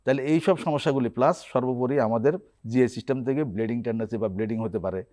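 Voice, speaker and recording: A man's voice: mid-range voice, quick pace, warm tone. A man, a guest doctor, explaining symptoms and remedies step by step on a TV health program in a studio.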